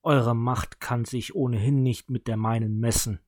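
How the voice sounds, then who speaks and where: A man's voice: mid-range voice, steady tone, normal speed, a little mellow, dry recording, studio quality, lightly acted. A man reading a haughty young sorceress. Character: proud young sorceress healer's apprentice.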